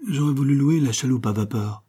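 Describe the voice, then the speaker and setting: A man voicing a keen, confident male detective who reasons briskly, lifting his voice above his narration. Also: mid-range voice, mellow, slightly rough, voice pushed up, natural voice. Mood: assured. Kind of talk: audiobook character reading.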